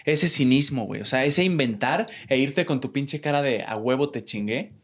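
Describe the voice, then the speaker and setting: A young man with a Mexican accent, telling stories in a casual podcast chat, animated and full of swearing. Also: medium pitch, normal speed. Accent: Mexican Spanish. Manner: animated storyteller, swears freely, acts out quotes. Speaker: podcast host.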